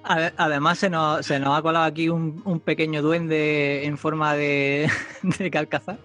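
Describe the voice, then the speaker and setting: A man's voice: on the high side, little pitch movement, a little slow, a bit bright, faint music behind. A man hosting a podcast interview, asking questions in a hesitant way. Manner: hesitant, with many fillers and restarts when asking questions. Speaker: podcast host.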